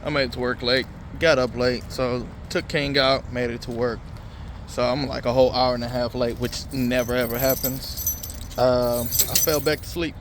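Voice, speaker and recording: A car audio vlogger talks viewers through a hands-on install in a mid-range, flat voice at a moderate pace, his speech casual, slangy and sprinkled with swearing. The phone video picks up noisy vehicle and outdoor sound.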